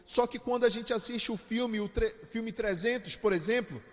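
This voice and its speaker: High-voiced Brazilian pastor in reverb. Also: male voice, moderate pace. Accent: Brazilian Portuguese. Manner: conversational preaching, addressing listeners directly. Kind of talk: sermon.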